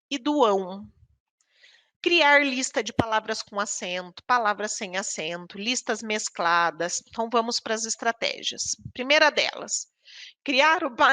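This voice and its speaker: Slow, bright-voiced woman teacher trainer. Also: a little high, no echo. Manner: explains patiently, reads word lists slowly, checks in with "né?". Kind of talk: online teacher training lecture.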